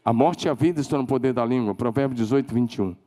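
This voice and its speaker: A man with a Brazilian Portuguese accent preaching a sermon as pastor, emphatic, leading call-and-response and climbing to shouted declarations. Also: medium pitch, racing. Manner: leads the congregation in call-and-response.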